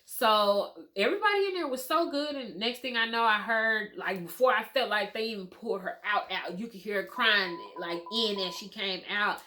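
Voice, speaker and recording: Chatty woman vlogger, bright voice. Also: mid-range voice, moderate pace, hardly any pauses. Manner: chatty, animated, addresses viewers as y'all and girl. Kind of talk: casual storytime.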